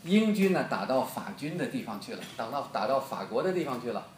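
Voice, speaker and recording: A man's voice: mid-range voice, big pitch swings, brisk, echoey room, a little hiss or hum. A man with a Beijing accent preaching, telling a history story with jokes and questions to the audience. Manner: joking, quizzes the audience. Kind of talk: storytelling sermon.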